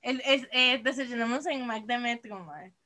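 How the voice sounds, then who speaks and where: A woman's voice: fairly high pitch, measured pace, bright, forceful tone. A young woman with a Costa Rican accent, chatting casually in slang and dropping in English phrases. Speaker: co-host. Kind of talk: casual chat.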